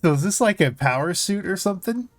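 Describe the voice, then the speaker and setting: Co-hosting a laid-back tabletop gaming discussion, a man casually reads notes aloud and reacts to them. His voice sits high and is expressive, moving at a quick pace.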